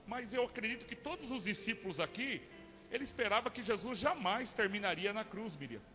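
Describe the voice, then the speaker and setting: Fervent high-voiced Brazilian preacher in a hall. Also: male voice, lively intonation, fairly quick. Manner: conversational, asks the congregation questions, builds to fervent shouting. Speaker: pastor. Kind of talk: sermon. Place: church. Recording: long church hall reverb with faint music.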